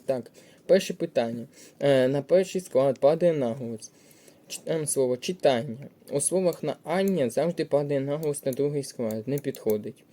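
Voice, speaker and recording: A man's voice: mid-range voice, normal speed, mellow. A man teaching a lesson, working through test questions step by step in a plain, methodical way with frequent hesitations.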